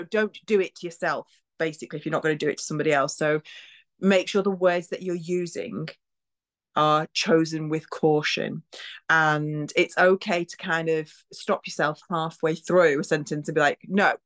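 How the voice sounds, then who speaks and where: Chatty woman in her forties. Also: fairly low pitch. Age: 40s. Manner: chatty, with lively acted-out self-talk quotes. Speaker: podcast host. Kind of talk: reflective solo podcast talk.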